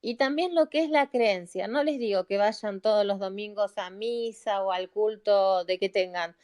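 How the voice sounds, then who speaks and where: A middle-aged Argentine psychologist makes a heartfelt, pleading appeal to listeners in a live audio chat, repeating phrases for emphasis. Her medium-pitched voice is clean and a little mellow, at a moderate pace. She's heard through a phone or computer mic in a live audio room.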